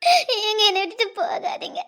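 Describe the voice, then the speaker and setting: Woman as heartbroken young woman, sobbing and begging; very high, thin voice. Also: very animated, moderate pace, pushed and bright, full character voice. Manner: sobbing, begging, repeating herself. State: crying. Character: heartbroken young woman clinging to her departing lover. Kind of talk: Tamil web drama voice acting.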